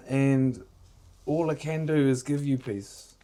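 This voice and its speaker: A man's voice: medium pitch, fairly even intonation, extremely slow, warm tone. Laid-back Kiwi man in casual chat.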